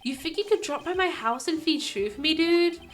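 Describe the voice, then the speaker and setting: A slangy, carefree young star in a mystery video game, as a woman lowers her voice a little to put him on. He drawls along slowly and casually, as though nothing is ever urgent. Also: animated. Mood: lazy. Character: laid-back young male celebrity, slangy and casual.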